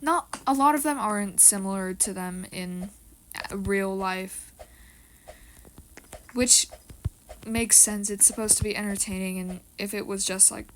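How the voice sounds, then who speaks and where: A woman's voice: mid-range voice, unhurried, pauses often, fairly bright tone, a little hiss or hum, poor audio. A teenage girl chatting casually about a musical's characters, rambling with lots of fillers and restarts. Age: teens. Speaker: co-host of a rating video. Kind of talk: casual chat.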